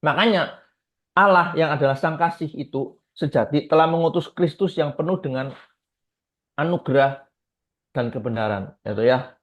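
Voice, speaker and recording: A man's voice: a little high, moderate pace, pauses often, a bit bright. A man preaching a conversational sermon, asking his listeners rhetorical questions and often tagging his sentences with short fillers. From Indonesia. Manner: asks rhetorical questions, frequent filler tags. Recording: tinny phone-like audio.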